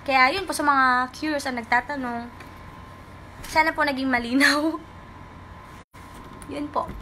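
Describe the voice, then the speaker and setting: A woman's voice: sits high, steady tone, slow pace, bright, forceful tone, slight background noise, low-quality recording. A young woman from the Philippines chatting politely on a livestream, answering fans and reading out their comments. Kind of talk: casual livestream chat.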